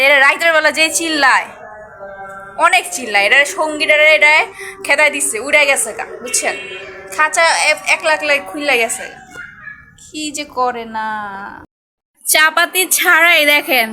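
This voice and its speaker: A woman's voice: sits high, sharp tone, rough recording. A young woman chatting casually to her viewers in a home vlog, talking through a cold and a sore throat. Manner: chatty, rambling, addresses viewers directly. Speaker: vlogger. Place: home, indoors and on a rooftop garden and kitchen.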